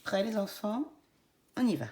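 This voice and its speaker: A woman teacher with a French accent, giving a phonics lesson to young children in a slow, encouraging voice and spelling out each syllable. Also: mid-range voice, animated, a little mellow.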